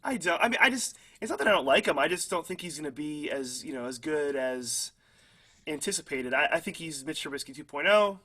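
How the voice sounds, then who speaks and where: A man's voice: on the high side, lively intonation, a little fast, bright, forceful tone. A young man co-hosting a casual football podcast, chatty and hedging with fillers, often laughing at his own hot takes. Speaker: podcast co-host. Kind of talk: casual sports chat.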